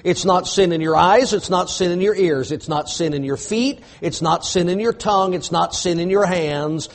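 A man preaching an emphatic sermon, repeating phrases and building to shouts. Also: high voice, normal speed. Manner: emphatic, rising to shouts, repetitive preaching cadence.

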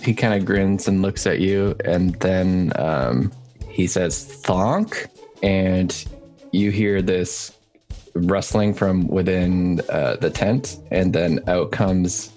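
A man's voice: low-pitched, fairly even intonation, slow, dark tone, faint music behind. A man running a tabletop role-playing game, narrating scenes loosely with fillers. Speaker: game master.

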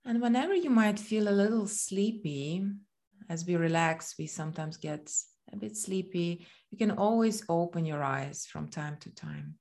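A woman with a lowish voice leads a guided body scan meditation, soft and soothing, with long pauses between phrases.

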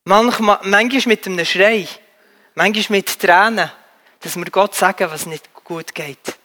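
A man preaching a sermon earnestly, pleading with his listeners and often pausing on filler sounds. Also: sits high, bright, forceful tone, big-room sound.

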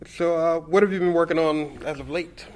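A man's voice: a little high, fairly even intonation, moderate pace, poor audio. A man hosting a casual interview, an enthusiastic fan who laughs often. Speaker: interview host.

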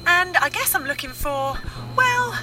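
A woman's voice: very high voice, animated, unhurried, over music, rough recording. A woman in her thirties playing a chatty, lonely female survivor, giggly and rambling. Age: 30s.

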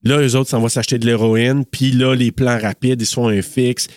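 A man's voice: mid-range voice, level tone, normal speed, darkish tone, dry recording, studio quality. A Québécois man co-hosting a casual film podcast, retelling scenes animatedly with lots of fillers and restarts. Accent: Québécois French. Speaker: podcast co-host. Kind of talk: casual film-review chat.

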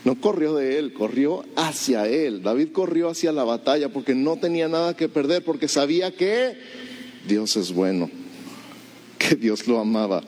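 In a church, a medium-pitched male pastor preaches an animated sermon built around storytelling, putting rhetorical questions to the congregation.

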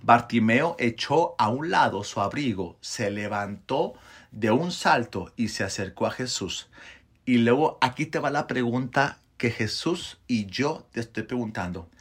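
A man, a pastor giving a motivational sermon, swinging between loud exclamations and soft, confiding asides. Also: mid-range voice, lively intonation, a little slow, slightly rough.

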